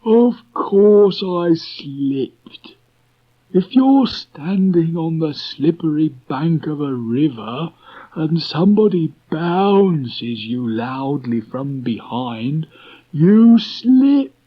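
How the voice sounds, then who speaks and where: A man's voice: a little high, expressive, voice pushed up, exaggerated voice. A man voicing a gloomy old grey donkey who drags out his complaining words. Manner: slow, drawn-out, sulky complaining. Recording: dull lo-fi recording.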